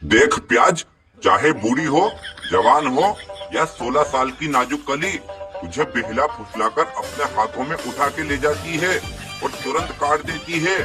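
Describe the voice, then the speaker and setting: A man's voice: a little high, unhurried, lightly acted. A man voicing a bossy, joking male potato who leads the vegetables in a comic cartoon. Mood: lecturing. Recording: music playing behind.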